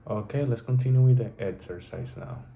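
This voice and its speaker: A man teaching a vocabulary lesson, reading from a textbook carefully and pausing to restart words. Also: on the low side, vocal fry, dull audio, a little hiss or hum.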